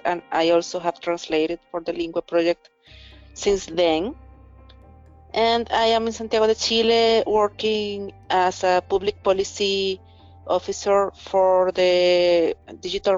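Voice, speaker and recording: Woman, low voice, halting reflective interview talk, dry and slightly muffled sound, soft music underneath. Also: clear, resonant tone, no room sound. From Venezuela. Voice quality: hesitant, repeats words while searching for them. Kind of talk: reflective personal account.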